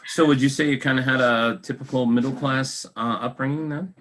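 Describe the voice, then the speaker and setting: A man hosting a podcast, asking brief, halting interview questions. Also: medium pitch, fairly even intonation, a bit bright. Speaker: podcast host.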